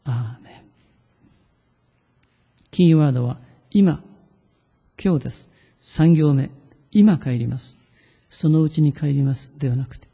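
A man preaching a sermon as pastor, earnest and pleading, sometimes leading a slow prayer read aloud. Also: on the high side, creaky, mellow, husky, in a large hall.

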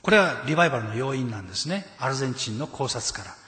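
A man's voice: mid-range voice, big pitch swings, fast talker, sharp tone. A man preaching a sermon, telling a story and stressing scripture quotes. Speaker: pastor. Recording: echoey hall with long reverb.

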